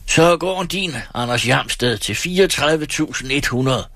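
A man puts on a small, hot-tempered farmer from an old family, shouting his lines well above a low reading voice. The sound is husky and close, with no room around it. He curses and rages at everyone in a storybook scene. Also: animated, dry recording. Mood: defiant. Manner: shouting bitterly, cursing.

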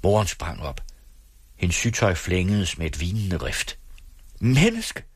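A man reads a novel aloud on the radio with a measured, dramatic delivery. His voice is very low and husky, and the studio recording is dry and close. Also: no echo. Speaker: radio reader. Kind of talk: audiobook reading on radio.

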